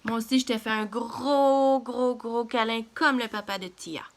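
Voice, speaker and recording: A woman reading a children's story aloud in a gentle, expressive way. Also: fairly high pitch, unhurried.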